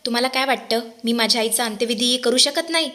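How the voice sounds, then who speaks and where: A woman's voice: fairly high pitch, fast talker, sharp tone. A woman voicing a proud, fiery young village woman who speaks in angry, defiant outbursts. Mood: furious.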